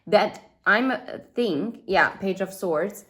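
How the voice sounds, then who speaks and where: A woman's voice: mid-range voice, slow pace, fairly bright tone. A woman giving a casual tarot reading indoors by a window, chatty and rambling, with fillers and asides. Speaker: tarot reader.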